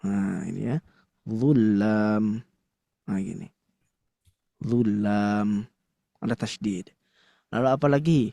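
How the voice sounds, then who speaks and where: A man with a fairly low, gravelly, husky yet slightly mellow voice teaches a Quran recitation class to a live audience, speaking expressively and a little fast in a dry recording. Conversational and filler-heavy, he says "nah" often and frequently quizzes the room.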